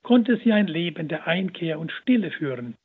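A man's voice: a little high, animated, moderate pace, slightly rough. A man narrating a religious story aloud in an earnest, dramatic manner, heard over the radio. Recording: phone-like radio broadcast.

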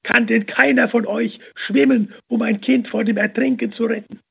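A man's voice: steady tone, normal speed, vocal fry, slightly rough, narrow, tinny audio, exaggerated voice. A man voicing a desperate mother who shrilly begs bystanders to save her drowning child, in a story read on the radio. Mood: frantic. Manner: shrill, frantic pleading.

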